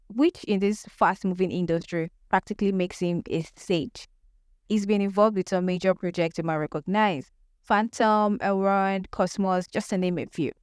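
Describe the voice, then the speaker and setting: A woman's voice: medium pitch, smooth, dry recording, clean studio sound. A woman hosting a podcast, introducing her guest in an upbeat, enthusiastic way. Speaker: podcast host. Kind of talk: scripted podcast intro and interview.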